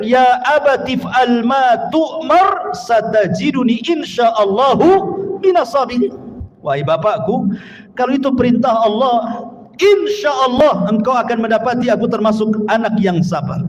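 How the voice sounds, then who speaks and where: A man preaching a sermon to a congregation, asking his listeners questions and reciting Arabic verses before explaining them. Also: very high-pitched. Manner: emphatic, rhetorical questions to listeners. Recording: long hall reverb, faint background noise.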